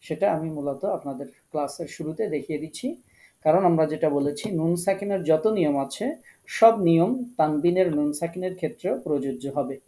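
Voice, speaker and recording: A man teaching an online Quran recitation class, explaining each point patiently and repeating key rules slowly. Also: on the high side, dark tone, rough recording. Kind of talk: online tajweed class lecture.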